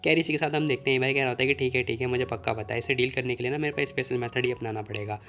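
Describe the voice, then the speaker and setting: A man's voice: mid-range voice, fairly even intonation, rapid-fire, a bit bright, faint music behind. A man narrating a casual recap of a comic story, retelling the plot and quoting the characters' lines in his own voice.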